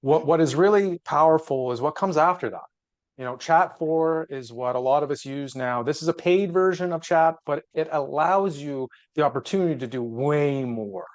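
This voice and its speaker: A man's voice: fairly high pitch, normal speed, muffled recording. A man co-hosting a webinar in casual, matter-of-fact explanatory talk. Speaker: webinar co-host.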